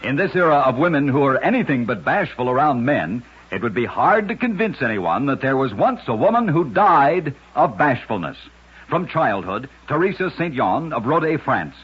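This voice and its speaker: A husky, slightly high male voice tells scripted radio short stories about oddities in a sing-song way at a moderate pace. The storytelling is emphatic and dramatic, and the old radio recording sounds dull and lo-fi.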